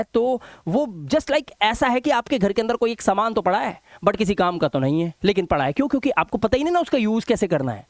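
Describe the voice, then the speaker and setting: A male teacher explaining English grammar to viewers, speaking slowly and repeating words and spellings in a sing-song drill. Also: high-pitched, no echo, clean studio sound. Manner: explains slowly with repetition, addresses viewers directly; drills word lists in a slow, sing-song rhythm. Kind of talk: spoken English lesson in Hindi.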